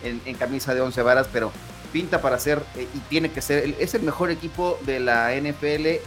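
Male sports commentator, average pitch, deliberate analytical delivery over a soft music bed.

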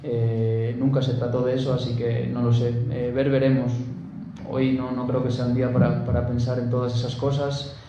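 A man's voice: mid-range voice, flat delivery, moderate pace, lo-fi sound, noisy background. Hesitant Spanish-accented man, distant and echoey. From Spain. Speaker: footballer at farewell. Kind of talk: emotional farewell statement.

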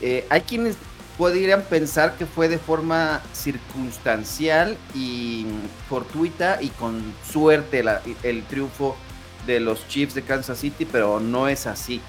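A man giving analytical sports commentary in a talk show, phrasing his points deliberately. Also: mid-range voice, soft background music.

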